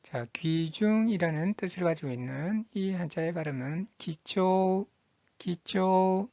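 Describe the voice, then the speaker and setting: A woman teaching Japanese vocabulary, reading each word slowly and repeating it twice in a patient, methodical drill. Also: sits low, expressive, warm tone, no room sound, dull audio. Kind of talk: slow, deliberate vocabulary drill.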